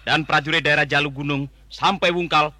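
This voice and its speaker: An imperious radio-drama military chief with a fairly high, forceful voice. He is scornful and menacing, giving orders deliberately in a dry, close sound. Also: steady tone, no room sound. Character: commanding, haughty male high army leader, contemptuous and menacing. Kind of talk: Indonesian radio drama acting.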